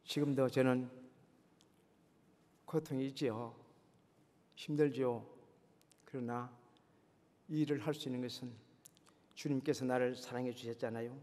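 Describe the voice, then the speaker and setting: A man's voice: mid-range voice, fairly even intonation, unhurried, pauses often, mellow. A man preaching a sermon, earnestly exhorting his congregation and firing rhetorical questions at them. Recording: long reverberant hall.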